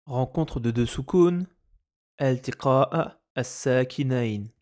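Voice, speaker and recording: A man teaching a lesson, speaking slowly and deliberately and repeating each example word. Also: mid-range voice, darkish tone. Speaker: Arabic language teacher. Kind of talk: explaining Arabic grammar in French.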